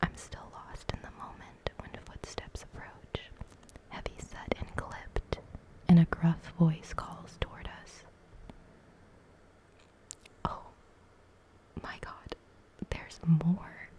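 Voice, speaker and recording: A woman in a whispered role-play, playing and reading a game aloud in a soft, chatty whisper and reacting as she goes. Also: deep voice, little pitch movement, takes it slowly, pauses often. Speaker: ASMR creator.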